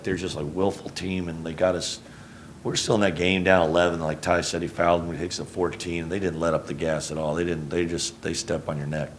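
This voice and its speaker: A gravelly-voiced head basketball coach, a middle-aged Houston, Texas native, fields postgame questions in a press conference room, speaking into a stand-mounted table mic. His answers are low-key, rambling and self-correcting, with slight background noise.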